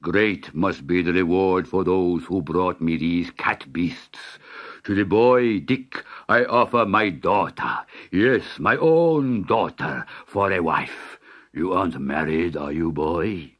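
A man voicing a grand male sultan who speaks slowly and lordly, for a storybook reading. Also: lively intonation, a bit bright, full character voice. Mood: delighted. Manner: slow, booming and lordly. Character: grand, slow-spoken male sultan, booming.

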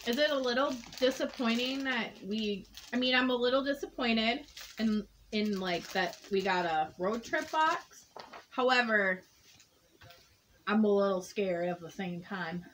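A woman's voice: fairly high pitch, measured pace, fairly bright tone, a little hiss or hum, rough recording. A woman on a living room couch, trying snacks from a box and giving blunt, joking verdicts. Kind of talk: casual taste-test chat.

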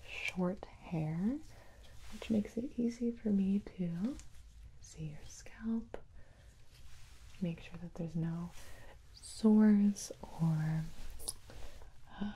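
Slow, whispering young woman, doctor role-play. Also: mid-range voice, poor audio. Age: young adult. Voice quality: soft, breathy unvoiced whisper. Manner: slow, gentle, reassuring. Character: calm, attentive female doctor examining a patient. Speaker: ASMR performer playing a doctor.

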